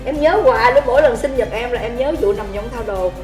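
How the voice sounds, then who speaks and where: A woman telling drinking stories in a casual, animated chat, laughing often and calling out toasts. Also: on the high side, fast talker, roomy sound, music in the background. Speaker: livestream host telling drinking stories to viewers.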